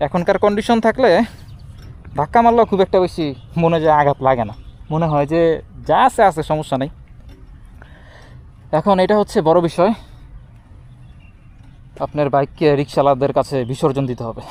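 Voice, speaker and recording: A man's voice: fairly high pitch, lively intonation, moderate pace, pauses often, darkish tone. A man with a Bangladeshi accent giving a casual vlog explanation to viewers, speaking from inside a helmet. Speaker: motorbike vlogger. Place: outdoors by a city road. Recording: light outdoor street and vehicle noise.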